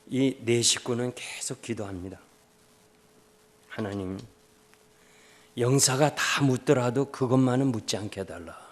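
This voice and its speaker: An older man preaches a revival sermon in a church, his voice sitting at an ordinary middle pitch. He tells stories and voices the people in them. He drops to hushed, low lines and then rises to loud, impassioned calls. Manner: acts out quoted speech in the story. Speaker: pastor. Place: church sanctuary.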